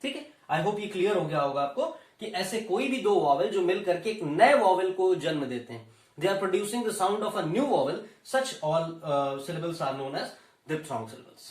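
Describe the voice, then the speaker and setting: A man with an Indian accent giving a lecture, explaining slowly and repeating key terms as he moves between Hindi and English. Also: sits high, expressive. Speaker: teacher. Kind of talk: classroom lecture. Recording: roomy echo, voice from a distance.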